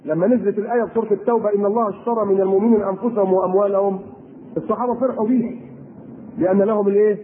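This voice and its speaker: A man with an Egyptian Arabic accent preaching an animated sermon, firing rhetorical questions at his audience. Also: high voice, rapid-fire. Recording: tinny lo-fi recording with faint noise.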